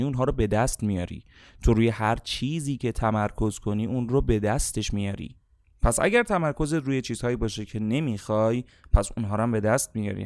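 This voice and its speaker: A man giving a motivational audio lesson, asking questions, answering them himself and repeating key phrases with sudden sharp outbursts. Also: mid-range voice, no echo, clean studio sound. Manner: emphatic, repetitive call-and-response questioning. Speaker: motivational coach.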